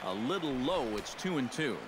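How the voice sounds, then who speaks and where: A man voicing a video game's baseball play-by-play announcer with a measured, smooth broadcast delivery. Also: medium pitch, big pitch swings, crowd noise, noisy background, close to an everyday voice. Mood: calm. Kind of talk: in-game broadcast commentary.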